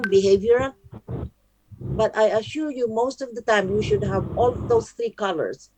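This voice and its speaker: An older woman giving a webinar lecture with slow, deliberate phrasing and frequent pauses, her voice worn and hoarse. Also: medium pitch, darkish tone, no room sound. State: losing her voice, coughing. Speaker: webinar speaker on curriculum. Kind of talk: online lecture and Q&A. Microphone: video call.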